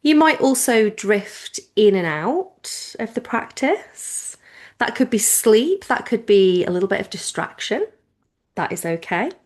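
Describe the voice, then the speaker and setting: Very animated and medium-pitched, a woman guides an informal yoga nidra relaxation. Her tone stays gentle and reassuring, and she lets her phrases unfold without rushing, pausing along the way.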